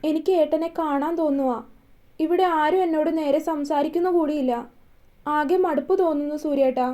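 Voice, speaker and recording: A woman voicing a lonely, lovesick young woman who speaks quietly and downcast in an audio story. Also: high voice, moderate pace, lightly acted.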